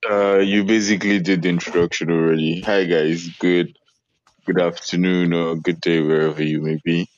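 Drowsy man, very low voice, dry and lo-fi. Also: level tone, normal speed. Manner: drowsy and laid-back. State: sleepy, just woke up. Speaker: book club participant. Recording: dry lo-fi voice chat audio.

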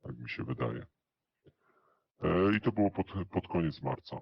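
A man's voice pushed electronically down to an unnaturally deep, rumbling pitch to hide who he is. He talks slowly and hesitantly, filling pauses with drawn-out "e" sounds. The audio is dry, dull and muffled. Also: lively intonation, vocal fry, breathy edge, no room sound. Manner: hesitant, with many drawn-out "e" fillers. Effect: voice pitched down electronically to disguise it. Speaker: interview guest. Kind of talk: recorded interview answers.

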